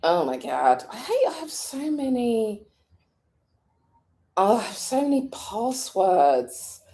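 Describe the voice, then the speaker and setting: A British woman vlogging in a casual, rambling way, thinking out loud and laughing often. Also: on the high side, sing-song, slow. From Britain. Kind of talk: casual vlog chat.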